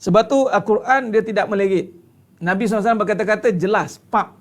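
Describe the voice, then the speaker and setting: A man's voice: high voice, rapid-fire. A man with a Malaysian Malay accent preaching to a congregation, emphatic, stretching key words and firing rhetorical questions. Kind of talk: religious lecture to a congregation.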